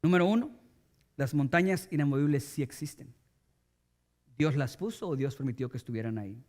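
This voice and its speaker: A man's voice: a little high, lively intonation, fairly quick, a little mellow. A male pastor preaching a sermon with emphasis, speaking straight to his congregation. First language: Spanish.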